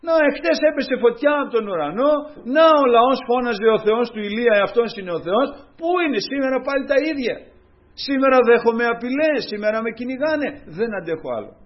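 A man's voice: very high voice, lively intonation, few pauses, lo-fi sound, pitched above the performer's own voice. A male preacher voicing the prophet Elijah as a weary, despairing grown man who pleads in lament.

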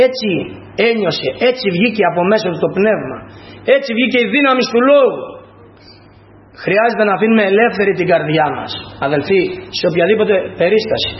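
A man preaching to his congregation, reading scripture solemnly and then expounding it with emphatic rises. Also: high-pitched. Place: church. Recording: echoey, dull lo-fi church recording.

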